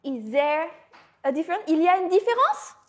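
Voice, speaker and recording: A woman teaching a beginner lesson, pronouncing words slowly and clearly, with playful asides. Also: very high voice, sing-song. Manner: slow, exaggerated pronunciation with playful asides. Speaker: French teacher. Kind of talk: language lesson mixing French and English.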